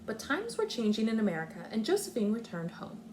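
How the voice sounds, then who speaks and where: Her pitch bouncing and varied, a kindergarten teacher moves briskly through a read-aloud lesson for young children, narrating her thinking step by step. The recording has a bit of faint background noise.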